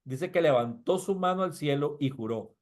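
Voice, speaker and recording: A man's voice: on the high side, expressive, moderate pace, darkish tone. A middle-aged male pastor teaching a Bible class in an earnest, explanatory way, often repeating and restarting phrases.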